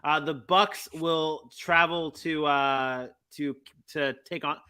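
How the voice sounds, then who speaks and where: A man's voice: fairly high pitch, steady tone, slow, sharp tone, smooth. A man hosting a sports podcast, recapping games in casual chat and joking with his co-hosts. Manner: joking, tries to keep order. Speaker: podcast host.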